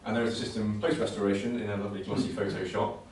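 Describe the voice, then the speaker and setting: At an indoor talk venue, a male presenter gives an informal technical presentation with slides at a computing conservation talk. His low voice is level and a little mellow, and he speaks hesitantly and conversationally, repeating words. A distant mic captures a very reverberant room with faint noise.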